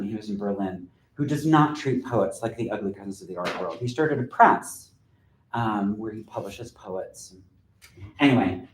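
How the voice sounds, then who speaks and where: A man's voice: mid-range voice, darkish tone. Blunt male-voiced poet in echoey room. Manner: candid, blunt, chatty with asides. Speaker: poet giving a reading. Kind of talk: informal talk and poetry reading to an audience. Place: lecture room with audience. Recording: roomy echo from a lecture hall.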